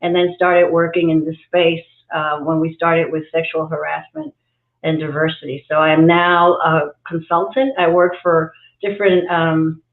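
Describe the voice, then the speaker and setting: A woman's voice: deep voice, flat delivery, moderate pace. A woman raised in Cuba and New York City, a guest executive coach speaking thoughtfully on a livestream interview, with many fillers and restarts. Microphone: video call. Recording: echoey, phone-like video call audio.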